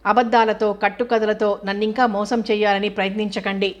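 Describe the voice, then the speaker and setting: A woman's voice: medium pitch, little pitch movement, brisk, lightly acted. A woman voicing an angry, hurt young wife who accuses her husband with bitter sarcasm. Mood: bitter, reproachful.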